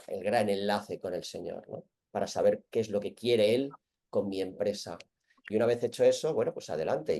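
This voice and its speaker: A man with an accent from Spain hosting an online group call, chatting informally in a halting, self-correcting way. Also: lowish voice, dark tone. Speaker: host of an online group meeting. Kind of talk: casual chat.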